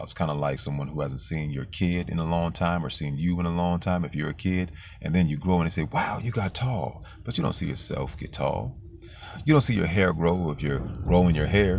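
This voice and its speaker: A man talking casually in a loose, slangy monologue, his voice deepened and roughened by the flu. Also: noisy background. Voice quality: very deep, gravelly voice. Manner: loose, street-slang talk with frequent fillers and swearing. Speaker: vlogger.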